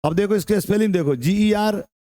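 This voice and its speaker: Speaking fast in a high, warm voice, a Bihari Hindi–accented English teacher runs a classroom-style lesson. He repeats words to drill pronunciation, slips in English terms, and keeps checking whether students understood.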